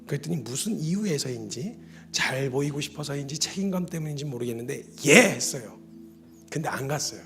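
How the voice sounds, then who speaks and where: A man preaching a sermon with personal testimony, his delivery swinging between loud emotional pleading and quiet, hushed confession. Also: a little high, animated, fairly quick, faint music behind.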